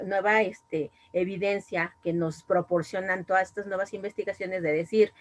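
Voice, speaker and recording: Rambling Mexican woman with many fillers. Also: medium pitch. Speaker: speech therapist, audience participant. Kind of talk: online panel comment. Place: video call.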